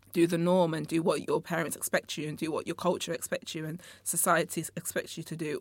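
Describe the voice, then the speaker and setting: A young woman born in Congo and raised in England hosts her own podcast from a studio, rambling casually and speaking straight to her listeners in a solo monologue. Her voice is fairly low, with no echo.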